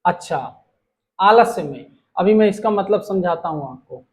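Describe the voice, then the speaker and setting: A man's voice: high-pitched, animated, poor audio. A man teaching English vocabulary to a class, drawing out words and repeating questions back to the students, with playful memory jokes. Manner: drawn-out repetitive teaching, asking the class back.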